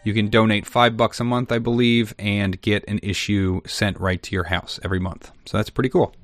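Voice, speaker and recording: A man with a fairly low voice talks casually as a podcast host, swearing freely. Prominent guitar music plays behind him. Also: flat delivery, fairly quick, dry recording. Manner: informal, sweary. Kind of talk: casual chat.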